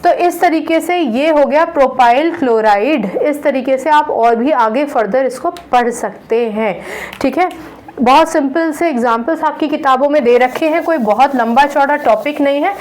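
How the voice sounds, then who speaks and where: A woman with a high, slightly mellow voice gives an online chemistry lecture, patiently guiding students through naming compounds. She counts out carbons slowly and checks in often. The recording quality is low.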